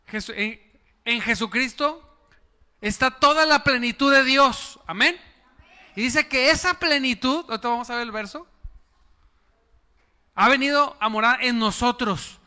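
A man's voice: very high-pitched, measured pace, pauses often, bright, forceful tone, smooth, long reverb tail. A man preaching a sermon as pastor, calling on the congregation to repeat words and applaud. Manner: preaching with call-and-response to the congregation.

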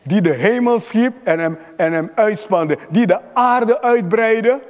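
A man preaches with rising fervor, calling out to the congregation for amens. His voice sits very high. The sound carries a long reverb, as in a large hall. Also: measured pace. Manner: fervent, rises to shouting at climaxes. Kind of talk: sermon.

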